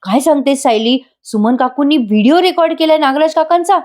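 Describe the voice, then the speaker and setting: A woman's voice: high-pitched, a little fast, darkish tone, pitched above the performer's own voice, natural voice. A woman reading a concerned young lawyer husband. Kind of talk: voice-over review re-enacting serial dialogue.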